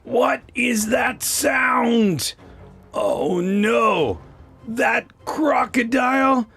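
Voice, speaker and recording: A woman voicing a blustering, cowardly pirate captain who shouts theatrically in a children's storybook. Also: a little high, drawn-out words, slightly rough, faint music behind, exaggerated voice. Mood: panicked.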